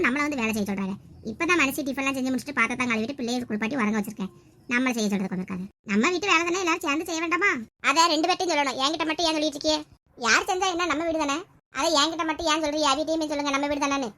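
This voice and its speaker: A woman's voice: high-pitched, sharp tone. A woman, playing nagging, scolding family members in a comedy family skit.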